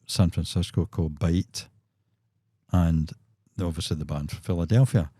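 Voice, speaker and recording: Deep-voiced Glaswegian man in his sixties telling stories. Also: moderate pace, mellow, breathy edge, no room sound, studio quality. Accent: Scottish, Glaswegian. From Scotland. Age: 60s. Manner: chuckling raconteur, acts out quotes. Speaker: musician guest. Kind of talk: anecdotal storytelling in a podcast.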